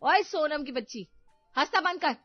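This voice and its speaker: A woman's voice: a little high, animated, moderate pace, natural voice. A woman voicing an exasperated middle-aged mother-in-law who scolds the family, over faint music. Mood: scolding. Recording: muffled, faint background music.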